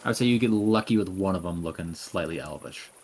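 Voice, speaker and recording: A man narrating a tabletop game as dungeon master, relaxed and rambling with fillers. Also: deep voice, fast, husky.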